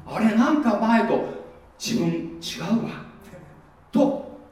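Animated high-voiced preacher in an echoey hall. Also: male voice, takes it slowly, slight background noise. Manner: conversational preaching, rhetorical questions. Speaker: pastor. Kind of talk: sermon. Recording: very echoey room, voice from far off.

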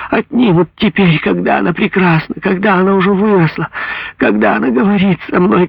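A man voicing a distraught old recluse mother in an audiobook, with a husky, gravelly voice. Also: on the high side, no echo, voice pushed up. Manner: pleading, swinging between rapture and terror. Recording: dull lo-fi dry recording.

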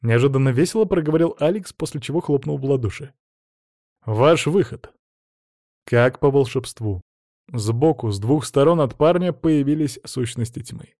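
A man narrating a fantasy romance audiobook in an even storytelling manner. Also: medium pitch, fairly quick, no room sound, studio quality. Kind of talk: scripted narration.

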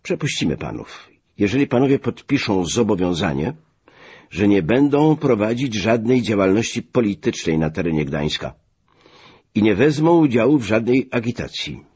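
A man's voice: on the low side, very animated, normal speed, a little mellow, breathy edge, no room sound, voice pushed up, full character voice. A man voicing a dry, haughty German army major who speaks curtly, in a muffled recording. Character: cold, arrogant male German army major.

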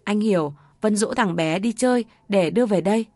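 A woman narrating an audiobook story in a steady, measured way. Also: medium pitch, no room sound.

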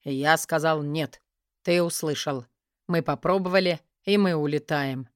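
A woman's voice: deep voice, a little slow, clear, resonant tone, no echo, clean studio sound. A woman voicing a firm, curt male dragon who protects his companion, in an audiobook reading. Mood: stern.

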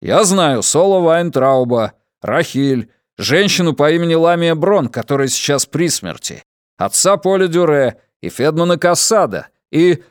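A man voicing an agitated, bitter diplomat in a science-fiction audiobook, forceful and exclaiming with indignation. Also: fairly high pitch, expressive, a little slow, no room sound, studio quality, pitched above the performer's own voice. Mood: pained. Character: agitated, bitter male diplomat, the Consul of a space epic. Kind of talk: dramatised audiobook reading.

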